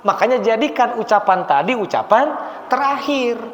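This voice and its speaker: A man teaching a mosque class on funeral rites, patiently explaining to the audience and reciting Arabic phrases slowly. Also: very high voice, lively intonation. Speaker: religious teacher. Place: mosque hall. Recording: echoey hall, dull lo-fi sound.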